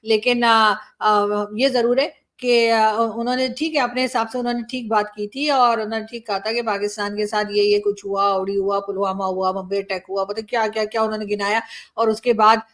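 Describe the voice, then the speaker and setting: A woman's voice: mid-range voice, flat delivery, normal speed, a bit bright. A woman from Pakistan with a Pakistani Urdu accent, giving casual, opinionated news commentary with frequent fillers. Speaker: journalist and commentator.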